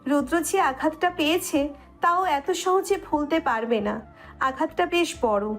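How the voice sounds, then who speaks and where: A woman's voice: high-pitched, measured pace, soft background music. An actress playing a frank young woman friend who teases and gives blunt advice in an audio drama. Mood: advising. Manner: blunt, teasing. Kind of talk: Bengali audio drama acting.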